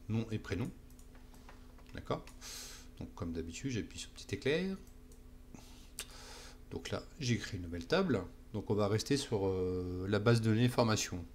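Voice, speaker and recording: A man teaching a software tutorial while walking through his screen, often checking in with "d'accord?". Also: on the low side, a little hiss or hum. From France. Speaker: instructor.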